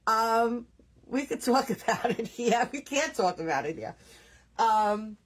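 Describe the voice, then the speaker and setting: Woman, New York accent, husky voice, chatty host of a crafting stream. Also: fairly high pitch, animated, a little slow. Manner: chatty, scattered, self-deprecating, reads viewer names aloud. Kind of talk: casual chat with live viewers while crafting.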